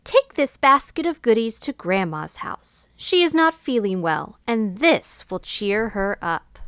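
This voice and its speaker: A woman voicing a caring mother who gives gentle instructions. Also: fairly high pitch, expressive, measured pace, clean tone, no room sound, clean studio sound.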